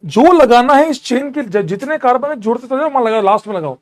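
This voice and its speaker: "Nothing to worry about," a chemistry teacher with a fairly high voice keeps telling his students, whom he calls "bro." He lectures a little fast in a casual, encouraging, chatty classroom manner, repeating steps and counting out carbons.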